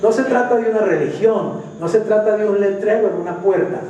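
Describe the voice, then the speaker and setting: A man's voice: sits high, a little fast, mellow. A male pastor preaching a sermon, emphatic and stretching out key phrases. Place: church hall. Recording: echoey church hall from far off.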